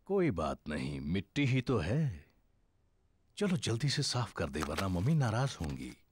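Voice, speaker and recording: A man voicing a jolly, bumbling daddy pig in a Hindi cartoon dub, hearty and indulgent, with a husky voice. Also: low-pitched, huge pitch swings, unhurried, a little hiss or hum, full character voice. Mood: amused, indulgent.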